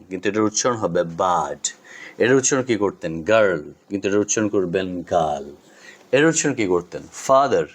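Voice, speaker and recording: Male English tutor, fairly low voice, patient step-by-step explainer who repeats example words for contrast. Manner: says example words twice to contrast them. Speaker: English teacher. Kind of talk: spoken English lesson on pronunciation.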